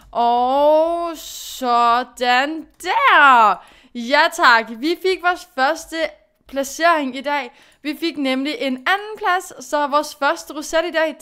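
A woman's voice: sits high, fairly bright tone. A young woman giving casual commentary while she plays a horse racing game, talking to herself, scolding and cheering herself on. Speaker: gaming youtuber.

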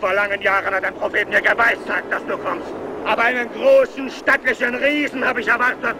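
A man's voice: sits high, steady tone, fairly quick, background noise, natural voice. A man playing a blinded, vengeful one-eyed giant shepherd who broods, laments and threatens, in a radio drama with a long reverb. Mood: bitter. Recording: long reverb, cave-like hall.

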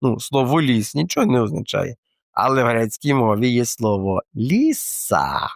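A man's voice: mid-range voice, very animated, normal speed, creaky, no room sound. A man presenting a casual explanatory talk in a colloquial, playful way with slangy asides, close to the mic.

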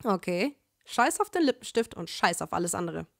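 A woman's voice: fairly low pitch, big pitch swings, normal speed, creaky, dry recording, studio quality, exaggerated voice. A woman voicing a stubborn, feisty young woman who speaks sharply and with exasperation, in a fan fiction reading.

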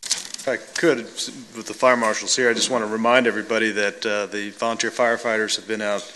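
A man on a city council speaking off the cuff, halting and full of fillers. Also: on the low side, level tone, sharp tone. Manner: halting, many fillers and restarts. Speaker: council member. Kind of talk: casual remarks at council meeting. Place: council chamber. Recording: long reverb with faint room noise.

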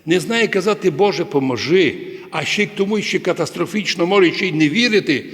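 Priest guy giving a sermon, kinda high voice, big cathedral echo, bursts into loud cries. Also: fast talker. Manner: preaching with sudden loud dramatic cries. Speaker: archpriest. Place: large cathedral. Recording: long cathedral reverb.

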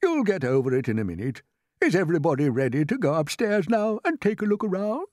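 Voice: mid-range voice, very animated, fast, a little mellow, dry recording, clean studio sound, pitched above the performer's own voice, natural voice. A reader voicing a cheerful old male grasshopper in a children's storybook, soothing and optimistic. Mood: reassuring.

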